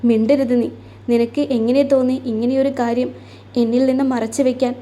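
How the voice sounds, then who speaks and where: A woman's voice: a little high, level tone, brisk, dark tone, close to an everyday voice. A woman reading the lines of a hurt, defiant young bride in a storybook romance, asking bitter questions.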